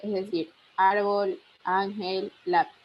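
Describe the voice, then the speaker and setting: A woman's voice: mid-range voice, flat delivery, takes it slowly, a little hiss or hum. A young adult woman giving a university class presentation, reading steadily and listing example words one by one. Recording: dull lo-fi recording.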